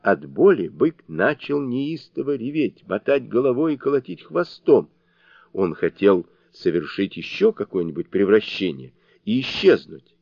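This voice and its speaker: A man narrating a fairy tale audiobook in an expressive, storytelling manner. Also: fairly low pitch, a little slow, creaky, no echo. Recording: dull lo-fi dry recording.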